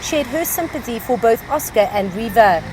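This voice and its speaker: A woman reporter delivering a scripted news report in a measured, formal way. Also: fairly high pitch, animated, background noise.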